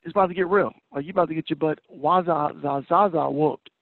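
A man who is a parent, co-hosting a podcast in casual chat, playful and animated when telling stories. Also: a little high, quick pace, gravelly. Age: adult parent. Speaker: podcast co-host. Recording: tinny phone-like dry sound.

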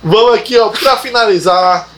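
A man's voice: high-pitched, moderate pace, noisy background. A man co-hosting a casual sports podcast, bantering and running through results. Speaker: podcast co-host.

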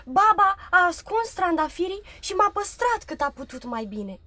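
A shy, wondering little girl from a radio play. Her voice is very high and small, and she asks everything in a hesitant way. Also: sing-song, sharp tone, no echo, heavily acted. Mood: earnest. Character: timid, curious little girl.

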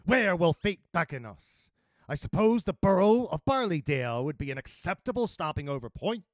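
A man voicing a stoic male warrior who speaks in a measured, formal way. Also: sits high, very animated, no echo, clean studio sound. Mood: thoughtful.

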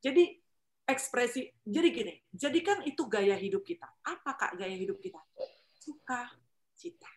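Lively woman giving faith talk. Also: on the high side, normal speed. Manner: lively, acts out quoted voices, frequent tag questions.

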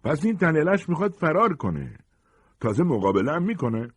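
A man's voice: fairly low pitch, sing-song, creaky, breathy edge, no room sound, pitched above the performer's own voice, full character voice. A man voicing a cruel young gang leader who taunts his friend with contempt. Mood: taunting.

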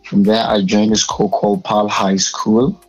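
A young man with a Ugandan English accent talks about his path into media in a casual interview. His voice sits low and has a husky edge. He pauses often and fills the gaps with "uh". The sound is dull and muffled. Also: little pitch movement, faint music behind. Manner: hesitant, many filler sounds. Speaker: guest, media personality and public speaker.

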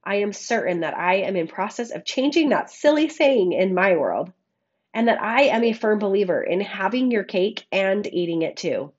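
A woman podcast host with a scratchy frog voice, hoarse from a cold, giving a reflective monologue and addressing listeners affectionately on a makeshift microphone. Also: medium pitch, lively intonation, moderate pace, lo-fi sound. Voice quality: scratchy, froggy voice. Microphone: makeshift microphone, not a studio one.

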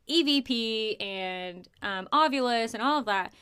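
Young woman podcast co-host, slightly high voice, chatty and animated storyteller, filler-heavy. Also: a little slow, clear, resonant tone. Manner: animated, filler-heavy retelling of a ghost hunt. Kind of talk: casual chat storytelling.

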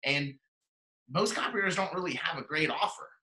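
Fast, bright-voiced blunt man. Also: fairly high pitch, rough recording. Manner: blunt, swearing, fast sales-talk. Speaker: copywriter guest. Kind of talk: casual podcast interview.

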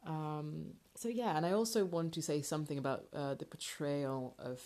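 Low, mellow woman rambling in a garage. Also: moderate pace. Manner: hesitant, rambling, informal. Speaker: podcast host. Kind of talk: casual solo podcast talk. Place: in a home garage, parking space indoors. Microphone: makeshift, not a proper microphone. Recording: amateur garage recording, makeshift mic.

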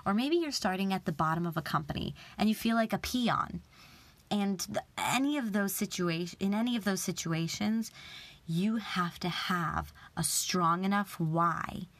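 A young woman giving an earnest, animated motivational talk, sometimes dropping to a whisper for emphasis. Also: medium pitch, no echo. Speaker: motivational speaker.

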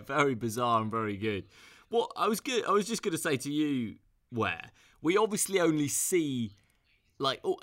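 A man's voice: medium pitch, sharp tone. A man co-hosting a casual podcast, rambling with many restarts. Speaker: podcast co-host.

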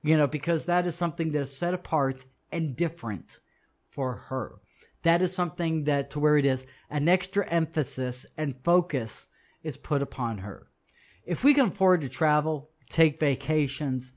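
A man teaching a class, reading from a book and commenting on it in an emphatic way, repeating phrases for stress and speaking straight to his listeners. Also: on the high side. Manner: addresses listeners directly. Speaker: religious teacher.

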